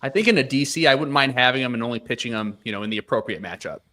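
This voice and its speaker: A man's voice: mid-range voice, very fast, bright, forceful tone. A man hosting a fantasy baseball podcast, talking in a thoughtful, hedging way with plenty of fillers. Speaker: podcast host. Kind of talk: casual podcast chat.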